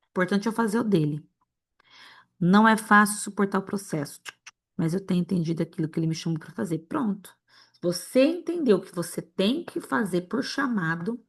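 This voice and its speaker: A woman from Brazil teaching an informal Bible lesson to an online group. She talks straight to the group and acts out little dialogues as she goes. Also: medium pitch.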